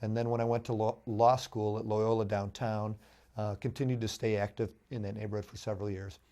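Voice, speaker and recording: A middle-aged man, hoarse from a cold, telling his background as a judicial candidate in an earnest, measured way. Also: fairly low pitch, little pitch movement, dark tone. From Chicago, USA. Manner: earnest, anecdotal, measured with fillers. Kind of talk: interview guest.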